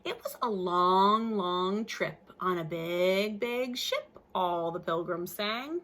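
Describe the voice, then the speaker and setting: In a mid-range voice and at a slow pace, a woman reads a picture book expressively to young children. Like a teacher, she adds simple, friendly explanations.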